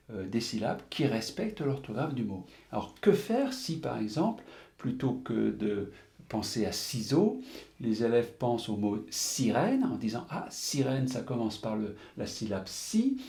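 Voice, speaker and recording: A man's voice: mid-range voice, gravelly, warm tone, roomy sound. A man presenting a video lesson on teaching writing to young pupils, hesitant, with many fillers, spelling words out letter by letter. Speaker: teacher trainer presenting a reading method.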